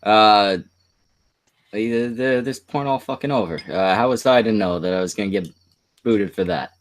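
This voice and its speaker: A man's voice: on the low side, normal speed. A man hosting a stream, telling a long crude story in rambling casual chat. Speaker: stream host.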